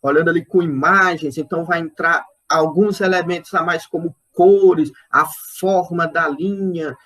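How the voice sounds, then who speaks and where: A male literature lecturer from Brazil speaks on an online poetry lesson, his voice sitting a little high. He works through his points slowly, repeating words and stopping to check in with his listeners. At times he counts out syllables and stresses aloud. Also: fairly even intonation, fairly bright tone. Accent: Brazilian Portuguese.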